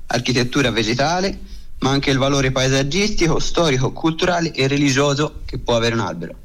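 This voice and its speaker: A man's voice comes through a phone line as he explains his subject to a radio host. He speaks in a steady, methodical way and lays out his points one after another. His pitch sits right in the middle for a man. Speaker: expert guest on a radio show. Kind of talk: calm informative explanation.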